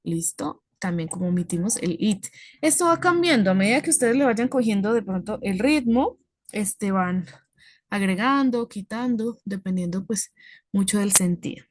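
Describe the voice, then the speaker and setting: A woman leads an English lesson, explaining each phrase patiently and pausing to check that her students follow. Her voice sits at a middle pitch for a woman and is recorded close and dry, with no room sound. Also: animated, no echo. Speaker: English teacher. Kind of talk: classroom explanation.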